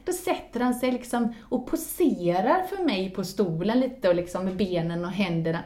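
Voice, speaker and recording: A woman in casual spoken storytelling who laughs often and swings into lively exclamations. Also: medium pitch. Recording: roomy echo.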